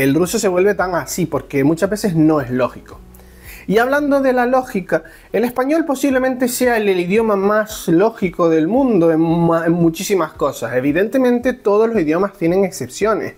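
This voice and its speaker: A man from Spain, talking casually to camera as a vlogger, animated and jokey with big swings in his voice. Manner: animated, with big pitch swings and joking asides. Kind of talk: casual explanatory vlog.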